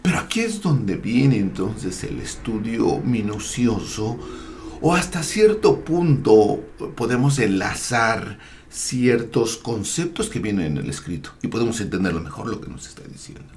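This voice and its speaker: A man teaching a slow, deliberate lesson on Torah, spelling out Hebrew words and letters with frequent hesitations. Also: fairly low pitch, sing-song, a little mellow, slight background noise. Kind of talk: slow explanatory Bible lesson.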